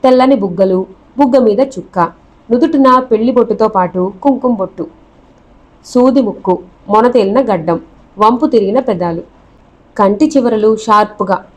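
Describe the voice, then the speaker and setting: A woman reads a novel aloud in an expressive storytelling manner. Her voice sits fairly high and clear. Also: moderate pace, long pauses, rough recording. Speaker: narrator. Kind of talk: audiobook narration of a novel.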